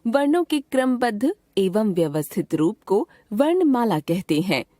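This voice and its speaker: A woman reading a grammar lesson aloud, sounding out each letter slowly and deliberately. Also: medium pitch, sing-song, mellow, no room sound, clean studio sound. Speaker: grammar teacher. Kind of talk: scripted textbook narration.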